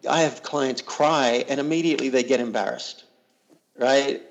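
Male coach guest, gravelly mid-pitched voice, earnest and reflective, restarts his words as he thinks. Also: normal speed. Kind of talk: casual interview chat.

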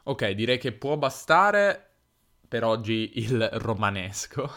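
Smooth-voiced Piedmontese man teaching. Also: mid-range voice, big pitch swings, pushed and bright. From Turin, Italy. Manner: unscripted, explains slowly, self-correcting and self-deprecating. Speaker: podcast host. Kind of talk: improvised educational podcast for learners.

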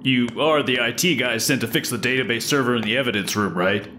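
A man's voice: mid-range voice, fast talker, sharp tone, slight background noise, close to an everyday voice. A man playing a casual, chatty, friendly office worker in an audio drama.

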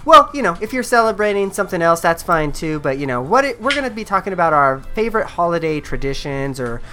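A woman's voice: lowish voice, sing-song, fast, fairly bright tone. A woman hosting a podcast, chatting casually and rambling with many fillers. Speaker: podcast host.

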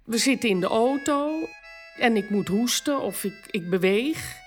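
Female interviewee, slightly high, halting emotional testimony over faint music. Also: animated. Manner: emotional, hesitant. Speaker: interviewee, wife. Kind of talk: documentary interview.

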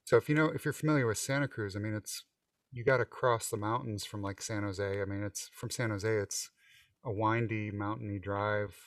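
Man, lowish voice, dry, a bit off-mic, relaxed storytelling guest. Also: moderate pace, no room sound, recorded from a distance. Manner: relaxed storytelling with frequent fillers. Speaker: guest musician. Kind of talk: casual interview chat.

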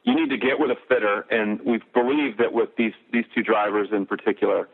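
A man's voice: lowish voice, animated, a little fast, vocal fry. A man who runs marketing, chatting in a jokey, upbeat way as he promotes new golf drivers. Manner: jokey, upbeat, laughs often. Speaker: marketing executive. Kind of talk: promotional interview chat. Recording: tinny phone-like audio.

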